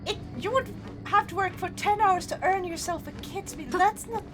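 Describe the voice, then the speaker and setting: Giggly, high-pitched excitable woman livestreamer. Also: moderate pace, music in the background. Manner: frequent swearing. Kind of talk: casual livestream chat while gaming.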